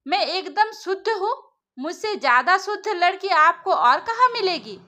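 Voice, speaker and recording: A woman voicing a young, outspoken newlywed wife who argues calmly and firmly in a storybook. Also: very high voice, unhurried, voice pushed up, heavily acted. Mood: reasoning. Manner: calmly reasoning, firm.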